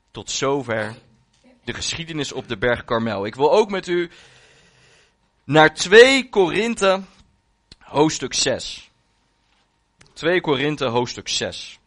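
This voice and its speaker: A man's voice: medium pitch, fairly bright tone. A male preacher reading a long scripture passage aloud as part of his sermon, solemn and with rising emphasis.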